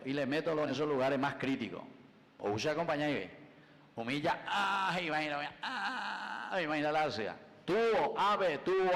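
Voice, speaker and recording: Priest preaching in a reverberant church. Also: male voice, medium pitch. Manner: preaching, swings between loud and soft, mixes in Guarani phrases. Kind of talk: sermon at Mass.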